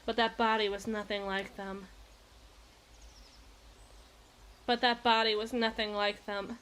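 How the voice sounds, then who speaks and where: In a dramatic ASMR roleplay monologue, a woman plays an eloquent, obsessive evil queen, dark and brooding, using deliberate, theatrical phrasing and pauses. Her natural voice is medium-pitched and fairly bright with a flat delivery, over slight background noise.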